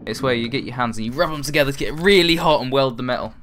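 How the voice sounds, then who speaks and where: A young man streaming a space building game, chatting and joking with a friend, laughing loudly and squealing. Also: mid-range voice, racing, a little hiss or hum. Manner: joking and playful, bursts into loud laughs and squeals. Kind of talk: casual gaming chat with a friend.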